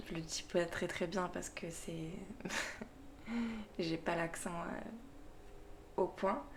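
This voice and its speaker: A woman who hosts her own tarot channel speaks unscripted in a casual vlog monologue, slow and hesitant, full of fillers and restarts. Her lowish voice often drops to a soft half-whisper as she chuckles at herself, with a noisy background behind her.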